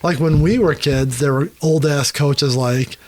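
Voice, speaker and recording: A man's voice: a little high, a little slow, a little mellow, no room sound. A man in his thirties co-hosting a podcast, talking loosely and swearing casually. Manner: loose and profane, trading references. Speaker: podcast co-host.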